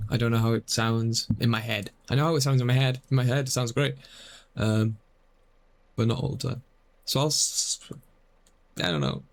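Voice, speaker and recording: A man streaming a driving game, thinking aloud in rambling, self-conscious commentary. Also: medium pitch. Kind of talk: casual gameplay commentary.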